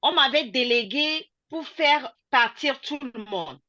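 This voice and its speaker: A woman from Togo chatting casually, a lively storyteller who laughs often. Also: high voice, slow, dry recording. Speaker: participant. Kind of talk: casual chat. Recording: dry lo-fi recording.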